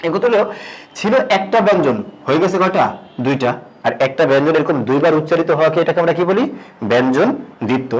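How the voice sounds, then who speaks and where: Male teacher, grammar lesson, fairly high voice, asks and answers his own questions, slow low stress on terms. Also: low-quality recording. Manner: drops pitch and slows on key terms.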